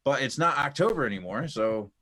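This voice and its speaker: A man co-hosting a podcast talks in a rambling, casual way, with a lively, swinging pitch. His voice sounds dry and close, and he drops swear words easily. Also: fairly quick, dry recording. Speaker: podcast co-host. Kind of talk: casual chat.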